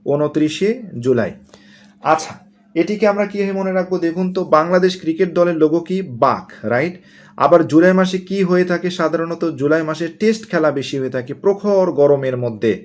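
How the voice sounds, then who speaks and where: A man from Bangladesh giving an exam-prep lesson, asking questions and answering them himself, repeating key points. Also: on the high side. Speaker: teacher. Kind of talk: exam-prep lecture with memory tricks.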